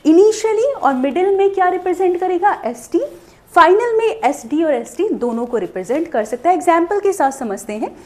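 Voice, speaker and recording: Lively high-voiced woman teaching shorthand. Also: moderate pace. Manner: explains step by step, asks questions then answers them. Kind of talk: video lesson.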